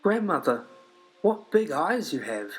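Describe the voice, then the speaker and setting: A man's voice: fairly high pitch, sing-song, a little slow, faint music behind, pitched above the performer's own voice, low-quality recording. A man voicing a polite, innocent little girl in a storybook fairy tale. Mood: wondering.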